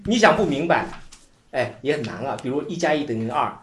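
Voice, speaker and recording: A lively Buddhist scripture teacher, voice swinging up and down at a middling pitch. The talk runs as a loose explanatory lecture, full of repeated phrases and easy chuckles. The voice sits in a roomy, echoing space. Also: fairly quick, a little hiss or hum. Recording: roomy echo.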